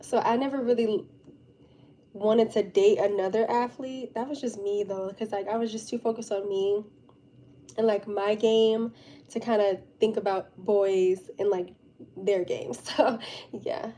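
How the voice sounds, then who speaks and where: A woman's voice: medium pitch, measured pace. A young woman live streamer chatting casually and informally with her viewers, with a giggly, chatty manner. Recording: steady background noise.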